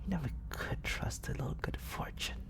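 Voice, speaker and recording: Here the same teasing, grandiose villain mentor, secretly fond of his listener, speaks in a voice close to everyday, up against a close studio condenser microphone in an ASMR roleplay. Breathy and frequently whispering, he keeps his theatrical, deliberate, silky persuasion while sounding hushed and self-chiding.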